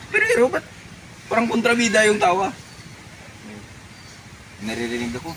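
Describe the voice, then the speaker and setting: A man playing a naive, excitable would-be superhero in a comedy skit, thinking aloud in melodramatic exclamations. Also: on the high side, lightly acted. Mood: gleeful, excited, then secretive, hopeful. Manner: exclamatory, melodramatic self-talk with villain-like laughing. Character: excitable naive man turning superhero after a chicken peck. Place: outdoors. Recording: noisy outdoor recording with vehicle sounds.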